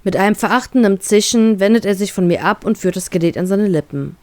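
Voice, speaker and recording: Woman narrator, expressive first-person story reading, dry close sound. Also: medium pitch, fairly quick, no echo. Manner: expressive, acting out the tearful heroine's lines. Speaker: fan fiction reader.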